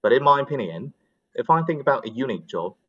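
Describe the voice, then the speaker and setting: A participant in an English conversation practice session chats casually, laying out his opinions in a roundabout way while groping for words. His medium-pitched voice is sing-song, a bit bright and slightly rough, he talks fast, and the recording loses its high frequencies.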